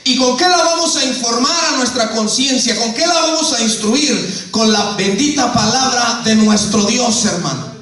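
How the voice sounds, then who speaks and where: A man's voice: extremely high pitch, moderate pace, a bit bright. A man preaching a sermon as a pastor, calling the congregation brother and questioning them directly. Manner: preaching, keeps calling the listener "hermano"; asks the congregation questions and acts out quoted voices. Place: church. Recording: echoey church hall, mic far off.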